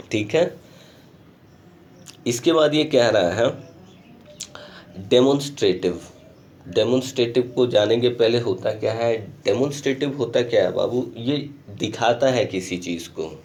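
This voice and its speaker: In a screen-recorded online grammar lesson, a male school teacher explains things patiently and folds English terms into his points. His voice is lowish and darkish, and he often pauses to check in with the class.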